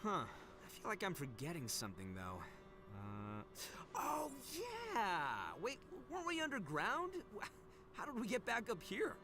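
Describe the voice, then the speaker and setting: A man's voice: sits high, huge pitch swings, over music, exaggerated voice. A man voicing a brash, good-hearted young gang boss in a video game, cocky and bombastic. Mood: cocky, puzzled. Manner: cocky, bombastic, drawn-out emphatic words.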